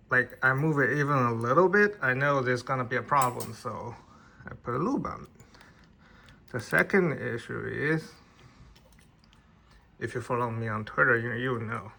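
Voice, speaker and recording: A man's voice: medium pitch, creaky, sharp tone. A man, not an English speaker, casually reviewing an action figure in plain conversational talk with restarts. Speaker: toy reviewer.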